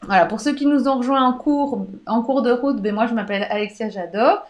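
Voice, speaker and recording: A woman's voice: fairly high pitch, brisk. A woman with a Belgian French accent, a pharmacist hosting a live online question session, chatty with many hesitations. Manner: chatty, warm toward viewers, many "euh" hesitations and restarts. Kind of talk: live online Q&A, reading and answering viewer comments.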